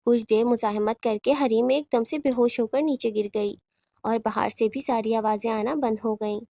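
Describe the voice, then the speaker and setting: A woman narrating a horror novel in a steady, even storytelling voice. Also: on the high side. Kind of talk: audiobook horror reading.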